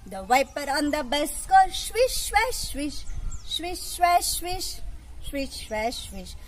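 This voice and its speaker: A woman's voice: high-pitched, a bit bright. A young woman with an Indian English accent, a pre-primary teacher singing a nursery rhyme with actions in an outdoor school garden, recorded by a camera a few metres away. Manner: slow, sing-song, with big hand gestures.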